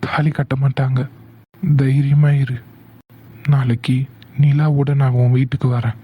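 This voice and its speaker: A man voicing a hot-headed young man in a cartoon, insistent and quick to anger, then soothing his sweetheart. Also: mid-range voice, level tone, slightly rough, muffled recording. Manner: insistent, shifts from angry to soothing. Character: hot-tempered young man in love, teasing. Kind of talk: cartoon voice acting.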